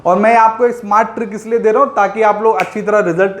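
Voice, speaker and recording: High-voiced male teacher in echoey room. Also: fairly even intonation, quick pace. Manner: teasing, addresses students as "my dear children". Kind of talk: classroom physics lesson.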